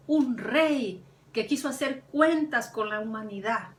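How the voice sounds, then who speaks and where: A woman's voice: on the high side, unhurried. A woman preaching a sermon with fervor, her voice climbing on the words she stresses. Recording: echoey room, mic at a distance.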